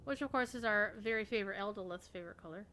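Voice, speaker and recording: Bright-voiced woman streaming a game. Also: medium pitch, racing. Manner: chatty and joking, talks to herself while playing. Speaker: streamer playing an online game. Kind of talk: casual gameplay commentary.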